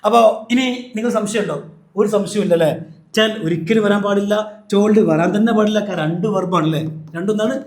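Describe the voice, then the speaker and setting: In an echoey room, a man with a high-pitched voice gives a brisk English grammar lesson. He poses his own questions, answers them, and goes over the key points again.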